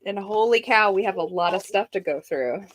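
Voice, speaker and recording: A woman's voice: medium pitch, animated, normal speed. A chatty woman co-hosts a podcast, talking casually and laughing often. She has a mid-range voice, and her talk comes through a streamed video call. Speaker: podcast co-host.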